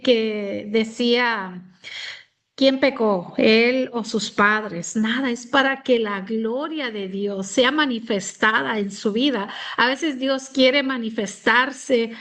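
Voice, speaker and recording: A woman gives a slow, unhurried Bible teaching talk, and her voice sits a bit high. She often pauses and reaches for words as she shares her own story. She grew up in the United States. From United States, of Mexican descent. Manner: slow, reflective, with many fillers. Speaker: women's ministry speaker.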